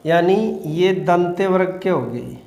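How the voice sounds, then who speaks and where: A man teaching Hindi grammar to a class, explaining slowly and repeating key words as he asks questions. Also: high voice, warm tone, roomy sound. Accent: Western Uttar Pradesh Hindi. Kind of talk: classroom lecture.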